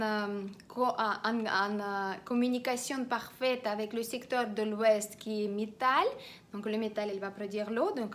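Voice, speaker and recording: Lady explaining feng shui, slightly high voice, lots of euh and restarts. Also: a bit bright. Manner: hesitant, many filler sounds and restarts; instructive, repeats directives. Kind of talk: explanatory online teaching.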